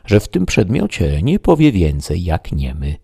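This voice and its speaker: Audiobook: man plays earnest village priest, lifted deep voice, husky, dark. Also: wildly swooping pitch, moderate pace, no echo, clean studio sound, full character voice.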